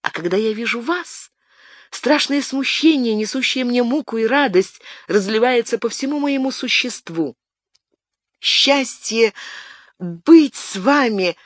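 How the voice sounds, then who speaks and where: A reader voicing a young noblewoman, loving and earnest, in an audiobook, with a higher, lighter voice and a tender, pleading way of talking. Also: lively intonation, measured pace, dry recording, studio quality. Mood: ardent. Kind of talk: audiobook narration.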